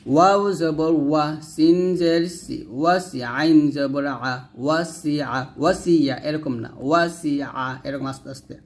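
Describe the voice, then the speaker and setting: A man teaching Quran recitation, spelling out letters and vowels, then chanting each word slowly and drawn out, with quick soft explanations in between. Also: fairly high pitch, vocal fry. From Bangladesh. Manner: speaks explanations quickly and softly between slow chanted phrases. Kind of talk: slow spelled-out recitation lesson.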